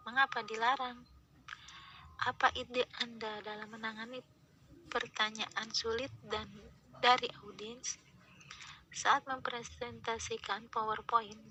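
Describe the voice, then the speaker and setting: Indonesian woman reading notes over noise. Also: fairly high pitch. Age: young adult. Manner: steady reading of notes and translations. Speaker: student presenting a lesson. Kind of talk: reading lesson material aloud. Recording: audible background noise.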